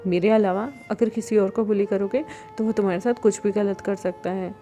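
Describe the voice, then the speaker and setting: Woman doing a teasing young guy, playful and chiding, soft music under it. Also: mid-range voice, fairly even intonation, normal speed, close to an everyday voice.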